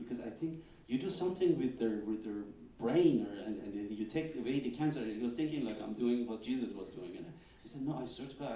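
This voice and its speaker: This mid-range male voice belongs to a doctor giving a research talk at a fundraising event. He tells patient stories with animation, imitating their words, stammers included. A distant mic picks him up in an echoey event hall, along with a little hiss or hum.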